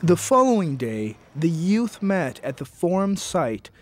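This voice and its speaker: A man giving scripted documentary narration in a measured, even delivery. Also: a little high.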